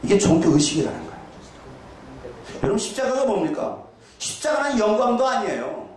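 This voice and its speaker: Male pastor, high lively voice, sermon in an echoey church hall, bursts into shouted reenactments. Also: a little fast, far from the mic, a little hiss or hum. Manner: animated, shouting dramatic reenactments.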